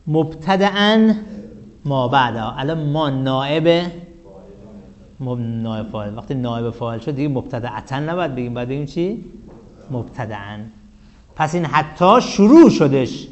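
A man teaching a classroom grammar lesson. He asks the class questions and answers them himself, and his voice drops to a low murmur at the ends of phrases. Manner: chants verse slowly.

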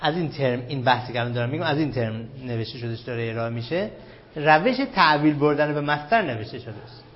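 A man teaching grammar in a classroom lecture, quizzing students with repeated questions and slowly repeating key terms. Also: medium pitch, expressive. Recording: dull lo-fi recording.

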